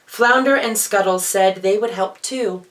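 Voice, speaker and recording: Captured on a low-quality recording, a feminine-sounding drag performer and storyteller reads a children's storybook in a dramatic, theatrical way with playful asides. The medium-pitched voice is unhurried and fairly bright.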